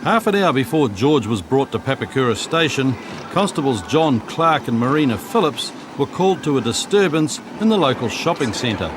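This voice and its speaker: Male Kiwi narrator, mid-pitched, scripted police-show voice-over with street noise behind. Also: very animated, moderate pace. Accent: New Zealand.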